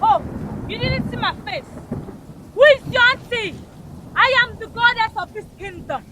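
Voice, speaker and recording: An imperious goddess queen mother, haughty and menacing in a comedy skit, as a woman acts her out. Her voice sits very high, and clear background noise runs under her lines. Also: moderate pace. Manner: imperious, threatening. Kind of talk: Nigerian comedy skit acting.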